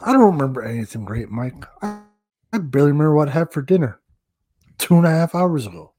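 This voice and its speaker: A man co-hosting a podcast, chatting casually with self-deprecating jokes and halting restarts. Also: on the high side, very animated, dark tone, husky, no room sound, faint music behind. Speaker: podcast co-host, referee.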